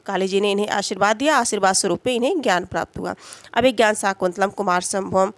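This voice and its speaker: A woman teaching grammar for exams, who explains slowly, poses questions and answers them herself, and keeps checking in with her students. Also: mid-range voice, no echo. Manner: frequent "है ना" check-ins and "अ" fillers. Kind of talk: exam-prep grammar lesson.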